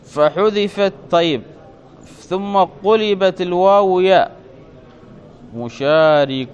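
A man's voice: high voice, takes it slowly. A man with a slightly raised voice teaching a grammar lesson. He works through each step aloud, checks with his students as he goes, and stretches out his example words. The recording sounds dull and lo-fi.

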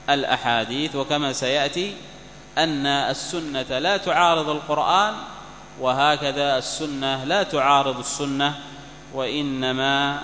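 A man gives a religious lesson in a large hall, with a bright, forceful voice that rings out with a long echo. He reads a text and explains it, repeating key words to drive them home, over a faint hum. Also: medium pitch. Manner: repeats key words for emphasis, recites quoted texts. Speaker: Islamic teacher explaining a hadith text.

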